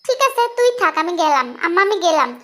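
A woman's voice: very high-pitched, sing-song, fast talker, bright, forceful tone, full character voice. A woman voicing a touchy, self-pitying young husband who talks in a sulky, sarcastic way.

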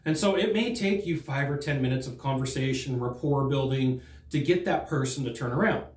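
A middle-aged man teaching sales to camera in a studio, talking in a lively, conversational way and acting out what customers say. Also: medium pitch, fairly quick, reverberant. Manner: animated, conversational, acts out customer quotes. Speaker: sales trainer. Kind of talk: direct-to-camera training talk. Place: studio in front of a green screen. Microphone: fixed camera, standing at a desk.

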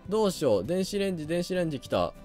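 A young man talks through a game in a chatty, thinking-aloud way, often stopping to hesitate. His pitch swings up and down a great deal. Faint music plays under his voice. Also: big pitch swings, fast, dark tone. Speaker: game commentator. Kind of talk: casual let's play commentary.

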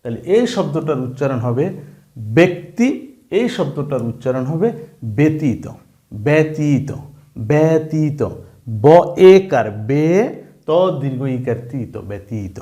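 A man's voice: medium pitch, animated, normal speed, dark tone. A man teaching pronunciation in an online class, repeating each sound and checking the listener follows. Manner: repeats sounds and rules, asks the listener questions. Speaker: Bengali language teacher. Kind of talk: online spelling and pronunciation lesson.

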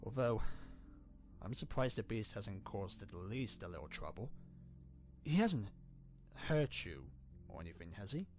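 A man voicing a caring, slightly sly young unicorn prince in an animated fan drama, casual and a little hesitant. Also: on the low side, a little slow, soft background music. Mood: calm.

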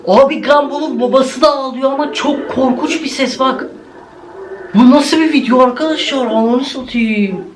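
Man, very high voice, excitable, jumpy, horror reaction commentary, faint background noise. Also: normal speed. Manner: excitable, jumpy, swears often, addresses viewers directly. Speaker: YouTuber.

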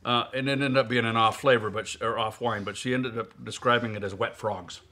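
A man's voice: medium pitch, steady tone, a little fast, bright, forceful tone. A man hosting a casual wine-tasting chat, talking in a rambling way with many fillers and restarts. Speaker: wine presenter. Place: indoors at a zoo building.

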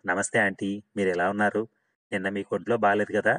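A man's voice: fairly low pitch, little pitch movement, brisk, fairly bright tone, close to an everyday voice. A man reading a bubbly chatty young woman. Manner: eager, bubbly, talkative. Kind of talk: audiobook dialogue reading.

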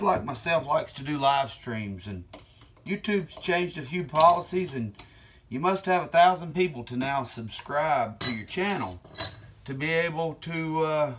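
A man's voice: a little high, animated, normal speed, fairly bright tone, slight background noise. A middle-aged man with slightly slurred speech chats casually and unhurriedly while working with his hands in a workshop. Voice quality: slightly slurred from one-sided mouth weakness. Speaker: channel host. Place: cluttered indoor workshop. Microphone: camera on bench a step or two away.

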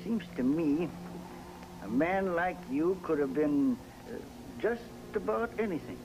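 An actor playing a shrewd, probing elderly lighthouse keeper in an old television drama, talking in a folksy, hesitant way. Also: male voice, on the high side, expressive, unhurried, dull audio, over music. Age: older. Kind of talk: 1950s television drama acting. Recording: old television recording with faint hiss.

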